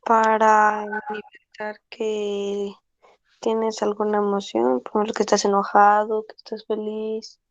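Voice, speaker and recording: A woman's voice: mid-range voice, monotone, a little slow, no room sound, lo-fi sound. A woman student answering her teacher's questions in an online class, hesitant and unsure of herself.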